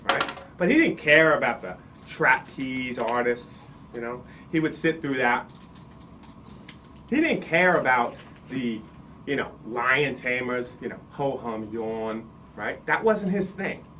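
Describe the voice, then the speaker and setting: A man telling a long shaggy-dog joke in an animated, drawn-out way, recorded from a distance with faint ambience. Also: medium pitch, a little hiss or hum. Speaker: joke teller.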